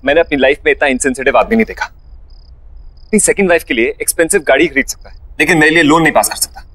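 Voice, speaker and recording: A man's voice: high voice, expressive, moderate pace. An actor playing a stressed husband and father who scolds sharply. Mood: irritated.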